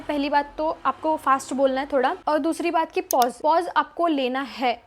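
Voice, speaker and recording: High-voiced woman with a Marathi accent. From Maharashtra, India. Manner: chatty, explains step by step with Hindi-English mix. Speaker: YouTube creator. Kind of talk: casual tutorial talk.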